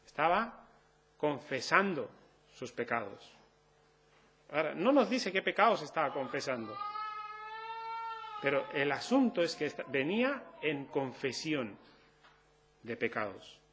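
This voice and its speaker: A man's voice: on the high side, a bit bright, slightly rough. A man preaching a sermon in an earnest, conversational way, asking the congregation rhetorical questions.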